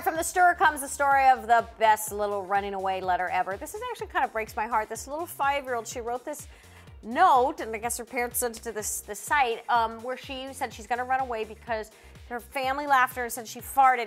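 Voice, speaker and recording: A woman's voice: a little high, lively intonation, fairly quick, faint music behind. A woman co-hosting a casual entertainment chat, chatty, blunt and joking, laughing often. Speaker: co-host.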